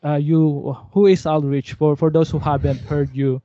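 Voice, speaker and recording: A man's voice: fairly high pitch, flat delivery, normal speed, dark tone, dry recording, highs cut off. A Filipino man hosting a podcast, chatting casually and rambling with many fillers and restarts. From Philippines. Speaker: podcast host.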